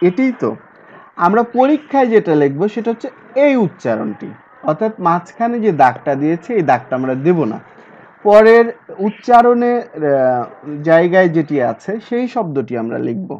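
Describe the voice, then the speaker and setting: A man's voice: high-pitched, sing-song, moderate pace, a little mellow. A male teacher giving an exam-prep lecture, explaining step by step and repeating key words. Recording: dull lo-fi recording.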